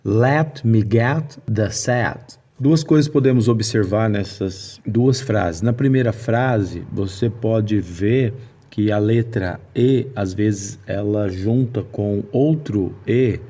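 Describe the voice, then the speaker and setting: A man's voice: on the low side, slow, dark tone, slightly rough. A man teaching English pronunciation to Portuguese speakers in a video lesson, explaining patiently and drawing out example words.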